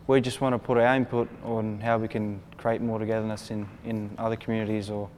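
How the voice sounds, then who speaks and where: A young Australian man of twenty-five speaks in a low, flat tone with little melody. He talks hesitantly, with many fillers. A faint noise sits under his voice. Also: fairly quick. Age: 20s. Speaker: youth panel guest. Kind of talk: casual discussion.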